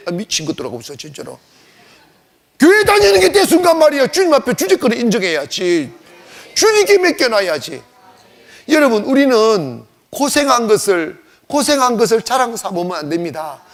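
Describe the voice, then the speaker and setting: A male pastor preaching a sermon at a church worship service, emphatic and colloquial, asking rhetorical questions and joking with the congregation. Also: very high-pitched.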